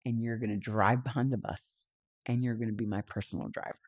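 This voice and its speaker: A man's voice: on the low side, steady tone, a little fast, no echo, studio quality, pitched below the performer's own voice. A woman quoting a blunt, generous male music boss who hires her on the spot. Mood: commanding.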